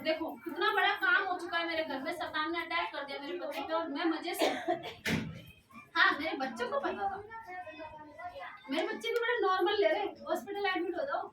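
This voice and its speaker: Woman giving a lively sermon testimony, echoey church, far mic, noisy. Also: very high-pitched, brisk. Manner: animated, storytelling, acts out dialogue. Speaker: preacher.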